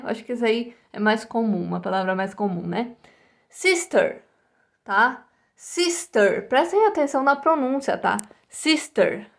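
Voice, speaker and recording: Slow, patient Brazilian woman teacher. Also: on the high side. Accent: Brazilian Portuguese. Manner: slow and patient, tags almost every phrase with "tá?" or "né?"; carefully spells out English pronunciation, repeating each word. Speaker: English teacher. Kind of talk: recorded online English lesson for first graders.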